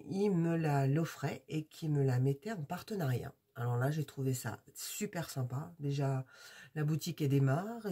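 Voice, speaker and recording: Woman, from France, crafts vlogger, husky, mellow, chatty, hesitant, casual unboxing chat. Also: very deep voice. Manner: chatty and rambling, with many hesitations. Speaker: crafts YouTuber.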